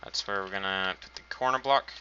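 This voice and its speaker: A man's voice: sits low, brisk, sharp tone, slight background noise. A man casually commenting on his own gameplay, thinking aloud while building and making dry, self-mocking asides. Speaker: gaming channel host. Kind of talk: casual let's-play commentary. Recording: dull lo-fi home recording.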